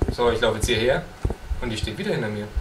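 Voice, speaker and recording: A man's voice: mid-range voice, expressive, quick pace. A young man co-hosting a horror game let's play, casual and teasing in his commentary. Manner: joking, teasing, bantering. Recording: roomy, distant mic with background noise.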